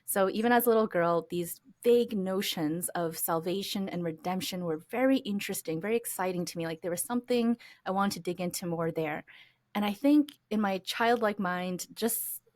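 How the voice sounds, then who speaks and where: A woman's voice: medium pitch, moderate pace, darkish tone. An American woman as an interview guest, telling her story reflectively with fillers and restarts. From United States. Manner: reflective, many fillers and restarts, laughs lightly.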